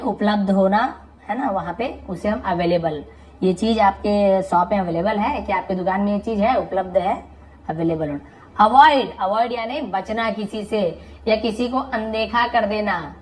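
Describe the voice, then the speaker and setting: A woman tutor teaching English vocabulary in Hindi. She calls out each word loudly and then explains it patiently in a lower voice. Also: low-quality recording.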